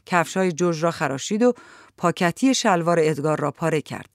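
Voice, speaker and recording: A woman narrating a literary novel in a calm, measured storytelling voice. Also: sits low, no echo, clean studio sound. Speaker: audiobook narrator.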